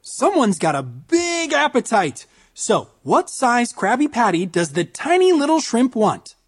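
A woman's voice: on the high side, big pitch swings, measured pace. A woman playing an upbeat, encouraging host who narrates instructions for a cartoon game. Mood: encouraging, playful.

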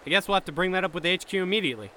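A man's voice: high-pitched, lively intonation, very fast, pushed and bright. A man playing an exasperated squad corporal who barks orders at his soldiers, in a comedic audio drama. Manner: barking orders, impatient.

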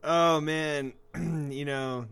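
Slow, smooth-voiced man chatting casually. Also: on the high side, steady tone, a bit bright, no room sound. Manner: rambling, laughs often, trails off into fillers. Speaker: podcast co-host. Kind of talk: casual podcast chat. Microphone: podcast microphone.

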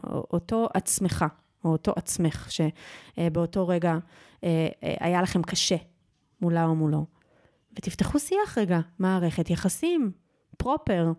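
A woman speaking as a podcast guest and yoga teacher, talking gently and deliberately and repeating phrases for emphasis. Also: on the low side. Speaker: guest, yoga teacher and personal growth guide. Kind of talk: reflective podcast conversation.

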